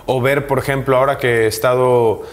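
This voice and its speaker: A man in his thirties with a Mexican accent, speaking candidly as an interview guest, with frequent pauses, fillers and restarts. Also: medium pitch, fairly even intonation. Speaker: interview guest, professional footballer. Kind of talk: casual conversational interview.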